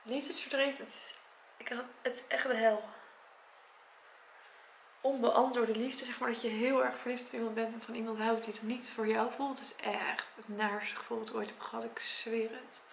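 A Dutch woman in her twenties talking to her camera at her parents' home, tearful and congested from crying, in a soft, halting voice. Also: fairly high pitch, little pitch movement, vocal fry, echoey room, a little hiss or hum. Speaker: vlogger and primary school teacher. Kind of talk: personal vlog talk to camera. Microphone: camera mic.

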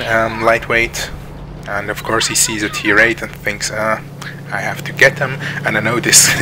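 Tank game sounds play over a Swiss man whose voice sits on the low side amid background noise. He hosts a gaming channel, and his relaxed commentary keeps stalling with ums and restarts.

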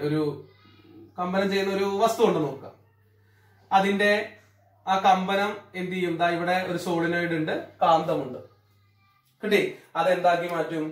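A man's voice: a little high, distant mic. A man with a Malayalam accent teaching science to pupils, asking a question and then answering it himself, again and again. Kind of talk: classroom-style science lesson. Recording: echoey room, away from the mic.

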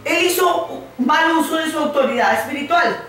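An older woman preaching a sermon in short phrases, pausing for an interpreter, in a living room. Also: sits high, a bit bright, slight background noise. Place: living room set with framed pictures. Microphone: far camera. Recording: echoey room from far off, faint music.

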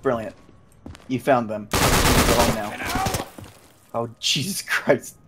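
A man's voice: medium pitch, very animated, slow, heavy background noise. A young man chatting during a co-op war game, dry and joking, swearing when something startles him, on a headset mic. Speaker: gamer. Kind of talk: co-op gameplay chat.

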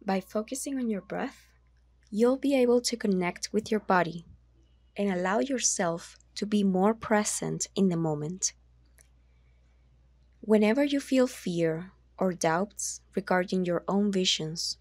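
A woman guides a meditation with a calm, measured delivery and long silences between each instruction. Her medium-pitched voice has a darkish tone, with no echo in the recording.

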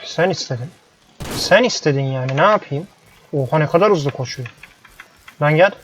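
This young gameplay YouTuber sounds animated and a little fast, with a fairly high pitch, as he grumbles at the animals in a ranch game. It's frustrated, casual let's-play chatter. A dull headset mic captures it in lo-fi with faint noise.

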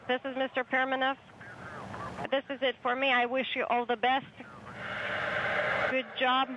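A woman interpreter speaks over a radio communication loop, calmly relaying status calls. The link is muffled and dull, with steady static hiss underneath. Her delivery stays measured, in short and even report phrases. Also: on the high side. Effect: heard over a radio communication loop. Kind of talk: live translation of mission radio calls.

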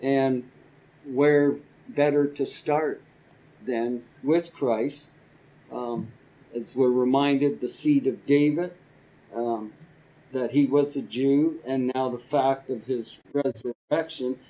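An older man teaching a church Bible class from a podium, slow and halting with frequent ums and repeated words. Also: mid-range voice, steady tone, mellow, low-quality recording. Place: church classroom with a projector screen. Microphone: podium microphone.

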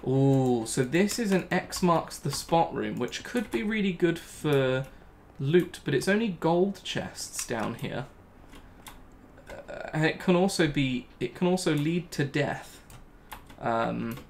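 A man's voice: a little high, animated, slow pace, vocal fry, a little hiss or hum. A young man talking through his gameplay live, thinking aloud and repeating himself when things go wrong. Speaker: gaming channel host.

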